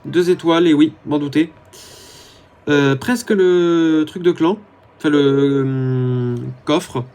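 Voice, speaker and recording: A man's voice: fairly high pitch, slow pace, darkish tone, smooth, soft background music. Chatty man narrating his gameplay. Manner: chatty, hesitant, many "euh" fillers. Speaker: gaming YouTuber. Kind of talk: casual gameplay commentary.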